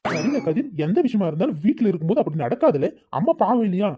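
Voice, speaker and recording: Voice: medium pitch, sing-song, quick pace, mellow, slightly rough. A voice actor playing a protective, caring elder brother in a cartoon, coaxing and soothing. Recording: dull lo-fi recording.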